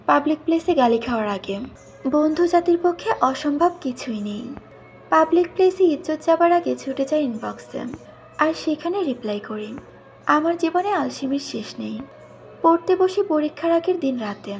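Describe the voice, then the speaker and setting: A woman's voice: high voice, lively intonation, normal speed, a little mellow, faint music behind. A woman narrating a story in the first person, reading in a plain conversational way. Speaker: audiobook narrator.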